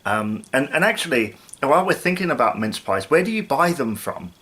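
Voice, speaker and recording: A man's voice: medium pitch, sing-song, moderate pace, sharp tone, slight background noise. A British man in his thirties chatting casually to camera as a review host, thinking aloud a little hesitantly. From United Kingdom. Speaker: snack review video host. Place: small living room, indoors.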